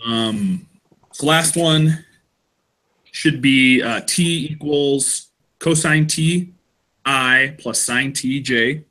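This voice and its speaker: A man's voice: mid-range voice, extremely slow, bright, forceful tone. A man in a student study group, reading out his math answers step by step in casual chat. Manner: talks through math steps aloud.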